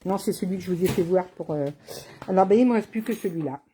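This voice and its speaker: A woman's voice: on the low side, fast talker, mellow, breathy edge. A woman running a live card-making tutorial as a craft demonstrator, chatty and teasing, speaking to viewers by name. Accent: has an accent, not named.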